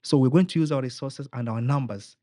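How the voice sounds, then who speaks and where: A young Kenyan man appears as a political aspirant on an interview show, speaking a little fast in a medium-pitched, dark voice. His earnest, rallying campaign tone mixes in Swahili phrases, and the sound is close and dry.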